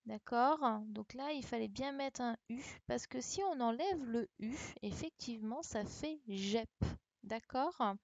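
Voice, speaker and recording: Speaking fairly high and unhurriedly, with a creaky edge and few pauses, a primary school teacher works through a dictation correction online, spelling letters and confirming her pupils are following. A computer mic on the video call records her with dull, lo-fi sound and no room sound.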